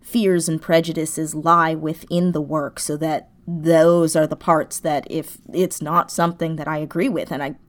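A woman who creates audio dramas is interviewed, speaking in a slightly low, level register at an unhurried pace with few pauses. She sounds conversational and reflective, often circling back to correct herself as she searches for the right words.

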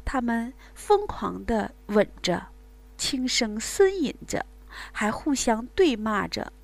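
A woman reading an adult audio story aloud as narrator, softly and at times half-whispered. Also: fairly high pitch, sing-song, takes it slowly, vocal fry.

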